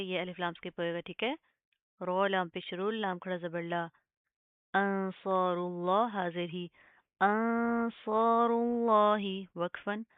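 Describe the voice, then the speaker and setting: A woman gives a step-by-step tajweed lesson, checking in with her students again and again. Her voice is smooth and clear. It sounds dry and narrow, like it came through a phone. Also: mid-range voice, dry recording. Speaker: Quran recitation teacher.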